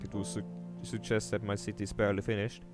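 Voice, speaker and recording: Loud music nearly drowns out this young Swiss man, who talks fast in a lowish, level voice with a Swiss German accent. Livestreaming his city-building game, he comments casually and reads chat aloud, hesitating with lots of fillers and restarts.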